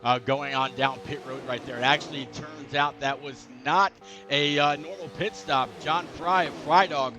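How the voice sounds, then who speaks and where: A man's voice: a little high, fairly even intonation, normal speed, over music. A man commentating a sim racing league, chatty and digressive with many fillers. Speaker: race commentator.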